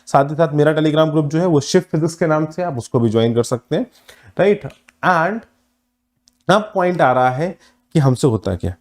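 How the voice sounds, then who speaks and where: Emphatic male teacher, slightly high voice. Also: darkish tone. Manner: emphatic, drawn-out words with pauses; mixes English words into the talk. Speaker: online exam-prep teacher. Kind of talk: live online class talk.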